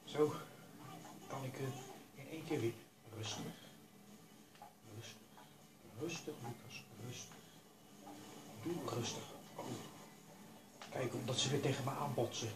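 A man's voice: medium pitch, unhurried, pauses often, roomy sound, background noise. Dutch-speaking man narrating his own gameplay. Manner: talks to himself, coaxing himself to stay calm. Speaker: gaming YouTuber. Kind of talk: casual gameplay commentary.

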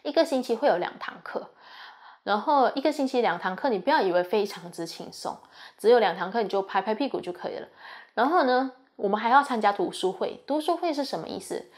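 A woman's voice: on the high side, expressive, fairly quick. A young woman from Malaysia, a university student chatting earnestly as she shares her experience and gives advice. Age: young adult. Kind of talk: casual advice talk.

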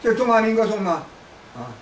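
Man from China, hectoring commentator, high-pitched; distant, roomy recording with faint background noise. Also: sing-song, fairly quick. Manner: lecturing, repetitive restarts, hectoring asides. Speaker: political commentator. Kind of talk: rambling political monologue.

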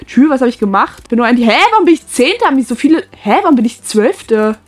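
A young woman giving casual gameplay commentary at home on a USB desk mic, excitable and swearing at the game. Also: fairly high pitch, quick pace. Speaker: gaming YouTuber. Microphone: USB desk microphone.

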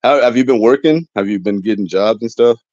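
A man's voice: medium pitch, brisk, a little mellow, no echo. A young man hosting a casual livestream chat from his phone, rambling and joking with lots of fillers. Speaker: livestream host. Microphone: phone close to face. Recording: dull lo-fi stream audio.

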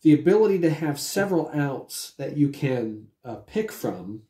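This forties-aged magician's voice is a little high, mellow and sing-song, at normal speed, as he casually explains technique for his vlog. Recovering from a cold, he talks around a lozenge, and his indoor setting, a timber-framed dining room at home, gives the audio a roomy echo.

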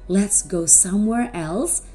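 A middle-aged woman talking to children like a kids show host, animated, with simple questions and drawn-out words. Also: medium pitch, faint music behind. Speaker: children's presenter at a school Christmas service.

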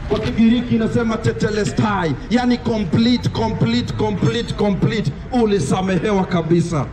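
A young Kenyan man preaches on a town street corner, his high voice carrying from a distance. He presses his message in repeated rhythmic phrases. The camera is far off, and traffic and street noise run under his voice. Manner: preaches in a call-and-response rhythm, mixing English and Swahili. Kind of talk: open-air street sermon.

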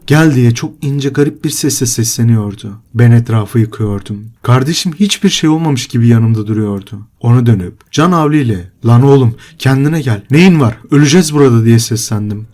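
A man's voice: medium pitch, dark tone. Subdued young man narrating a horror story.

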